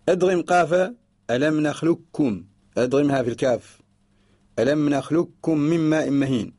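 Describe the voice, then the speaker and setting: A man from Mauritania giving a radio lesson, explaining slowly and repeating each example before chanting short verses. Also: mid-range voice, a little mellow. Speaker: teacher of Quran orthography. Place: radio studio.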